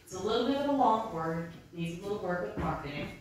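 With a fairly low, darkish voice that's fast and expressive, a thirtysomething maritime archaeologist chats amiably with her library audience during a public slide lecture. She uses a handheld mic among the bookshelves, but the room's heavy echo makes her sound distant, and a little noise sits underneath.

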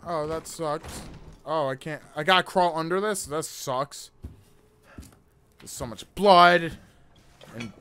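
A man in his twenties provides live commentary on a scary video game from an indoor gaming room, near a desktop mic, with nervous, jokey, casually profane reactions to the scares. His fairly high, fairly bright voice moves slowly with long pauses, and slight background noise is audible.

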